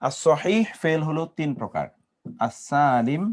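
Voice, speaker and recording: A man with a Bangladeshi accent teaches an Arabic grammar class in a slightly high voice, speaking slowly with lively intonation. He drills conjugations by spelling out verb forms syllable by syllable and quizzes his students with questions.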